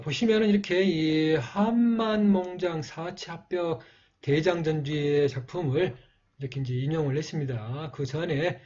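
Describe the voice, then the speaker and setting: Slow, patient male teacher. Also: a little high, mellow, dull audio. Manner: slow, patient, with frequent fillers. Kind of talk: calligraphy lesson narration.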